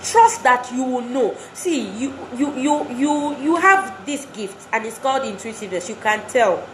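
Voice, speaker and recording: A woman's voice: on the high side, lively intonation, unhurried, a bit bright. A woman giving an earnest motivational talk to wives, exhorting and repeating phrases for emphasis. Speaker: speaker addressing wives. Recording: roomy echo, faint background noise.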